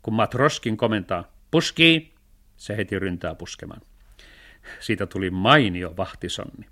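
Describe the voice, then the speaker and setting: A man reading a children's book aloud for radio, in a calm, measured voice. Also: low voice. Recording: 1970s radio archive.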